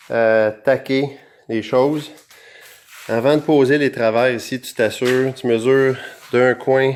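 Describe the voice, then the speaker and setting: Here a man hosts a do-it-yourself segment through an electronic voice changer, and his Québécois accent still comes through it. He talks at an even, middle pitch, in a loose, chatty way straight to his viewers. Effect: electronically altered voice. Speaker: DIY show host. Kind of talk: casual how-to explanation.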